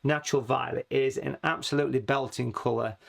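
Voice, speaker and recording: A man teaching watercolour painting in a chatty, friendly way, his voice a little hoarse and rusty from hay fever. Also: medium pitch, fairly even intonation, fairly quick. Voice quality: rusty, slightly raspy. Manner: chatty, friendly, calls viewers folks. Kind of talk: casual painting tutorial.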